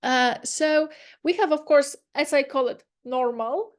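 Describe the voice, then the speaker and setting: High-voiced woman presenting. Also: measured pace. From Poland. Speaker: conference presenter. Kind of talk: academic conference presentation.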